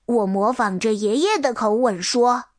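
Woman narrator for a children's storybook, high, unhurried, gentle. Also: no room sound, studio quality. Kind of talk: storybook read-aloud narration.

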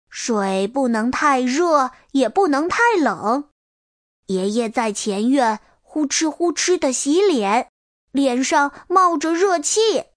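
Woman narrator for a children's storybook, high, unhurried, gentle. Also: dry recording, studio quality. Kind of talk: storybook read-aloud narration.

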